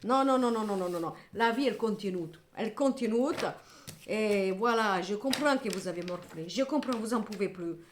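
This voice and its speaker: A woman's voice: mid-range voice, moderate pace, a little hiss or hum. Middle-aged woman tarot reader, emphatic, scolding then consoling, in an echoey room. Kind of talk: tarot reading to camera.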